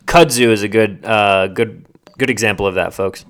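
A man hosting a podcast interview, relaxed and swearing casually. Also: fairly low pitch, moderate pace, a crowd in the background. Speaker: podcast host.

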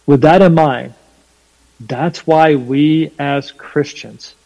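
A man with a Southern US accent and a slight twang, explaining his faith emphatically and deliberately in a preaching style during a conversation. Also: fairly high pitch, gravelly, mellow, muffled recording. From North Carolina, USA. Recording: long hall reverb.

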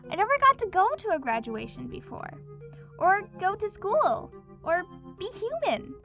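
A woman's voice: extremely high pitch, sing-song, moderate pace, fairly bright tone, heavily acted. Woman voicing a smug inhuman cult leader on cassette tape. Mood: gleeful smug. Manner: chirpy, mock-sweet, sarcastic asides. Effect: played from a cassette tape. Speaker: stand-in valedictorian. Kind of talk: fan audio drama acting. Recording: dull lo-fi tape with faint music.

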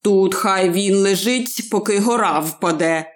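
A woman voicing a solemn grown man speaking slow words over a grave. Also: mid-range voice, close to an everyday voice. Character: solemn grown male archer-king at a grave.

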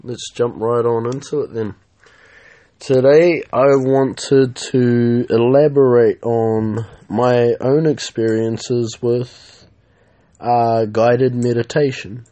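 A man's voice: mid-range voice, slow pace. A man hosting his own podcast, talking casually and rambling, with lots of "uh" and "um" fillers. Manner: relaxed, rambling, many fillers. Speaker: podcast host. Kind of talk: casual solo podcast talk.

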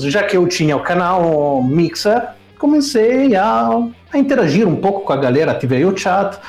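A man's voice: fairly high pitch, darkish tone, roomy sound. A man from Italy with an Italian accent, telling stories casually in an interview and often restarting his sentences. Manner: rambling, self-correcting storyteller. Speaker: streamer guest.

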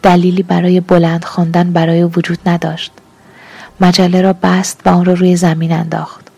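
A woman reading literary fiction aloud as an audiobook narrator, calm and measured, at times half-whispered. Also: fairly low pitch, creaky, slightly rough.

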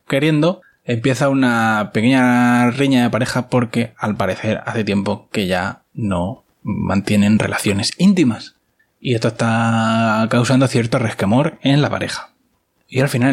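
A man casually retelling a TV episode, wry and chatty, with offhand filler asides. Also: medium pitch. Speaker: series recap host.

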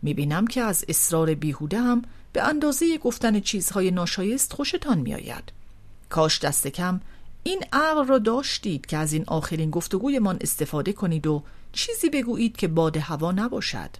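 A woman's voice: fairly low pitch, sing-song. A woman reading an audiobook voices a haughty, volatile older aristocratic man who swings theatrically between scolding and tenderness. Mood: cold.

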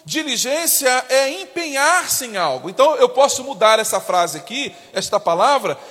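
A man with a Brazilian accent preaching a sermon as pastor, impassioned, acting out quoted voices and rising into shouts. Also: extremely high pitch, big pitch swings, moderate pace. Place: church. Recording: long church hall reverb.

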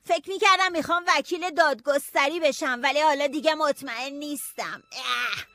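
A woman voicing a young boy who stammers and answers hesitantly in a Persian audiobook drama. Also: high-pitched. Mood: sulky.

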